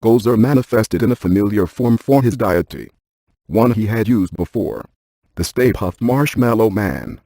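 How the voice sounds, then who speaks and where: In scripted video game dialogue, an adult man voices a cerebral, methodical paranormal scientist. His fairly low, notably husky voice moves at a moderate pace, precise, technical and deadpan, as though he takes every measurement seriously. There's no room sound.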